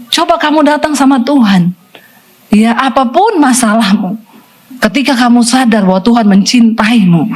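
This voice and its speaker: A middle-aged woman pastor preaching in a lively storytelling way, acting out quoted voices and dropping in English phrases. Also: medium pitch. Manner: colloquial, mixes in English phrases. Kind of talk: sermon.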